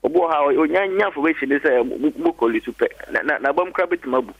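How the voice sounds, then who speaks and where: A man's voice: a little high, fast, breathy edge, no room sound. A man with a Ghanaian accent calling in to a show, hesitant and full of ums as he makes his point. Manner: hesitant, many ums, mixes Twi and English. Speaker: caller. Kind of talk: phone-in chat. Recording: dull dry phone line.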